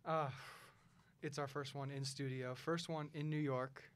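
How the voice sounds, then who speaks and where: In a small studio, a podcast host chats casually, rambling a bit and laughing often. His voice is medium-pitched and smooth, and he keeps a measured pace. He sounds relaxed throughout.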